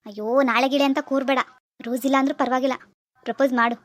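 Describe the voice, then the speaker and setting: A woman's voice: high-pitched, steady tone, very fast, no echo. A woman voicing a cocky young village man in a cartoon, pushy and know-it-all. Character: cocky young man giving love advice. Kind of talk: cartoon dialogue.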